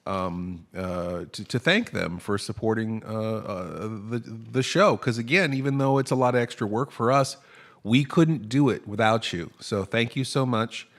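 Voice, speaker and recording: A man's voice: on the low side, measured pace. A man hosting a comedy podcast, chatting casually and rambling, often stammering and restarting his sentences. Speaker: podcast host.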